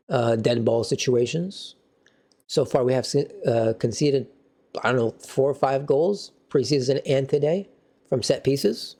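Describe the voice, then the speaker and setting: An animated man hosts a casual football reaction, talking in slangy, excitable banter. His voice has a mellow, darker tone and sits at an ordinary pitch for a man. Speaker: football fan channel host.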